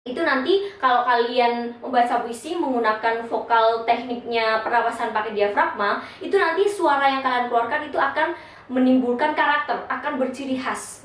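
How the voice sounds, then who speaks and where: Young female teacher, casual and chatty, higher voice, off-mic in a very reverberant room. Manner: chatty, informal, with frequent filler tags. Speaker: poetry reading instructor. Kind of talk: casual classroom explanation. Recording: very echoey room, voice from a distance.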